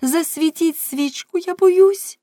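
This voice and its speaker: Woman putting on a young girl, terrified, begging in a high shaky voice, storybook reading. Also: takes it slowly, mellow, no echo, clean studio sound. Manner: high, trembling, pleading. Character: frightened young girl, sobbing and pleading.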